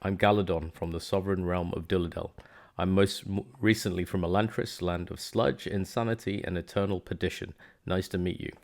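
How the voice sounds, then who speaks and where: A man's voice: low-pitched, fairly even intonation, brisk, creaky, darkish tone. A man voicing a blunt foreign male exile with a dry, sardonic manner. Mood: wry.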